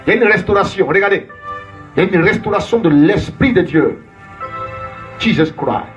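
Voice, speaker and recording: A man's voice: high-pitched, expressive, normal speed, lo-fi sound, faint music behind. A man preaching as a prophet, emphatic and repetitive, calling out names and Alléluia in call-and-response.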